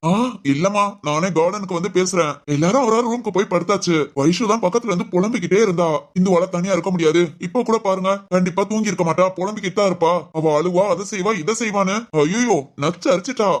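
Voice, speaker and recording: A woman's voice: medium pitch, natural voice. A woman playing a caring middle-aged dad. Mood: soothing. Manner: fast, soothing, reassuring. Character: caring middle-aged father, gentle and encouraging. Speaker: father in a family drama. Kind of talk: amateur village family drama.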